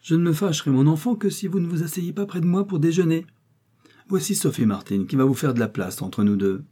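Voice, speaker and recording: A gentle, courtly older country squire , as a male reader puts him on, fond and fatherly with his young niece. His voice is mellow and husky. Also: on the high side, fairly quick, pitched above the performer's own voice.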